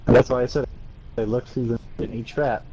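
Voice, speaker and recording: A man playing a tabletop game over an online call, joking and halting, with his voice cutting out on a glitchy connection. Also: mid-range voice, fairly even intonation. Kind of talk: casual online tabletop play. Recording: dull lo-fi call audio with faint noise.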